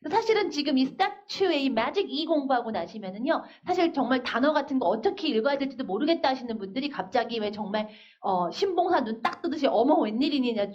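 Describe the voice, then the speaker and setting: A woman's voice: high voice, darkish tone. A woman teaching a phonics class, spelling words out letter by letter and asking her students questions. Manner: patient, drills words slowly letter by letter; asks the class questions and answers them herself. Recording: dull, lo-fi older recording.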